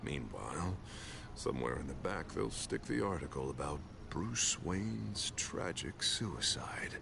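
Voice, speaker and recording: A man's voice: very deep voice, very animated, a little slow, vocal fry, noisy background, full character voice. A man playing a gloating, menacing corrupt mayor in a video game, mocking and theatrical. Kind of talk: dramatic video game voice acting. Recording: loud music behind the voice.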